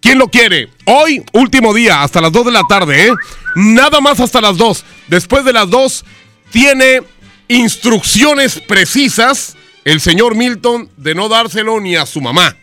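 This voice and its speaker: A male radio host talking in a loud, hyped, teasing way. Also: sits high, animated, measured pace, faint music behind. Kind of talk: energetic radio hosting.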